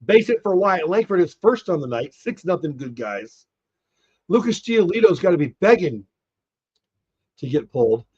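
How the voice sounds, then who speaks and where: A man hosting a live baseball watch party, excitedly calling plays and chatting with viewers, a bit hoarse as he is losing his voice. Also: sits high, moderate pace, pauses often, highs cut off. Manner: excited, reacts to plays, talks to chat. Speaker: livestream watch party host.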